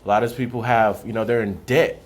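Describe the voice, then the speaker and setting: A man's voice: mid-range voice, steady tone, quick pace. A young man from Haiti, a guest on a radio interview, talking earnestly and casually, always asking "you know what I'm saying". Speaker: guest, credit repair consultant.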